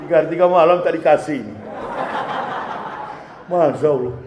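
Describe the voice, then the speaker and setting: Male preacher, 50s, fiery, shouts then quiet asides, long hall reverb. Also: fairly high pitch, moderate pace, highs cut off, a little hiss or hum. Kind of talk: lively sermon with jokes. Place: mosque. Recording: echoey hall.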